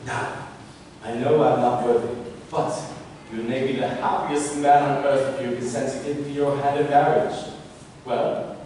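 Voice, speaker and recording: A man's voice: mid-range voice, little pitch movement, unhurried, a little mellow, close to an everyday voice. A man playing a pompous, vain, wealthy suitor rehearsing a marriage proposal in a theatrical comic style, grandly declaiming and easily exasperated. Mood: pompous, flustered. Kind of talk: theatrical stage comedy acting. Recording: echoey hall from far off, noisy.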